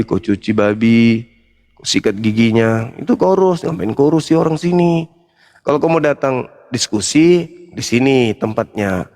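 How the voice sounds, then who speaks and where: Combative mocking man, fairly high voice. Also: vocal fry, a little mellow. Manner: combative, mocking, laughing at his opponent. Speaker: debate show host, foundation founder. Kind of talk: heated live debate.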